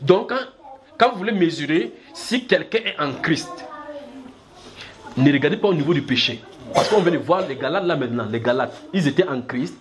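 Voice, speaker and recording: A male preacher delivers a sermon to his congregation, his voice sitting a little high for a man. He is animated and demonstrative, acting out small scenes and checking again and again that his listeners follow him. The recording is made in a church. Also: moderate pace, crowd noise. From Cameroon.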